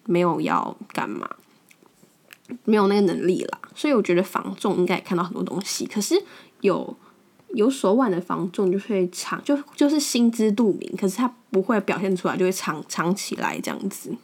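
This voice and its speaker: A woman's voice: medium pitch, big pitch swings, fairly quick, a little mellow. Blunt young Taiwanese woman podcasting. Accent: Taiwanese Mandarin. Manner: blunt and frank, repeats words as she restarts. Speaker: podcast host. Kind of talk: casual storytelling monologue.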